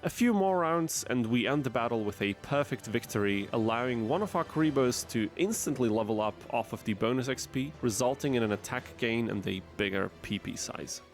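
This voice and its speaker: Male game-channel narrator, mid-pitched, deadpan wry commentary over faint music. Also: brisk, few pauses. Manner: wry, dry asides. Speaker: gaming video narrator. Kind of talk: scripted gameplay commentary.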